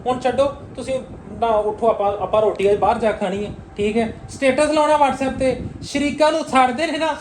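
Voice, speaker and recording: A young Punjabi man runs a family vlog and talks quickly and persuasively, reassuring his mother again and again. His voice carries a roomy echo, with a faint hiss underneath. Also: very high voice, steady tone. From Punjab, Pakistan. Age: young adult. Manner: coaxing and reassuring, repeats "theek hai na?". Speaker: family vlogger. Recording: roomy room with faint noise.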